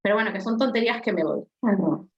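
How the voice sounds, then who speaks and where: A woman with a strong voice, talking on a coaching podcast. She keeps it casual and animated and acts out small scenes as she goes. The recording is echoey and a little dull. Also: medium pitch, quick pace. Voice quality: strong, forceful voice. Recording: echoey, slightly dull sound.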